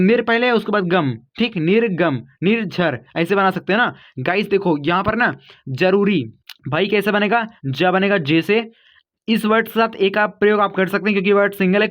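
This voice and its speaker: Male teacher, high voice, patient step-by-step explaining, dull lo-fi sound. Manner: patient step-by-step explaining, addresses viewers as kids and guys. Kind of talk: online spelling lesson.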